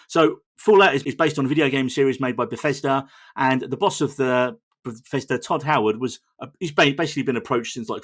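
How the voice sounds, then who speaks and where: A man hosting a casual podcast chat, quick and chatty, swearing freely. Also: medium pitch. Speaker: podcast host.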